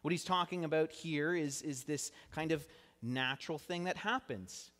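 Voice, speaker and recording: A man's voice: fairly high pitch, normal speed, a bit bright. Young man preaching in a reverberant hall. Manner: earnest teaching tone with light self-deprecating humor. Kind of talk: sermon. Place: church sanctuary.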